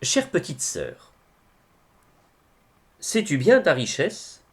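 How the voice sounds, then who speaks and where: A slightly high male voice carries this solemn recitation of devotional poetry, delivered with measured expression and pauses.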